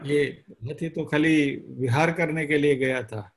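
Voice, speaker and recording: A man giving a spiritual discourse, retelling a scripture story slowly and deliberately, with pauses between phrases. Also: on the high side, slight background noise. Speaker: spiritual teacher.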